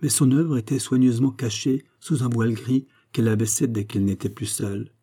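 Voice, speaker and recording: A man reading a classic fairy tale aloud in a measured, expressive storybook narration. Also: medium pitch, slightly rough.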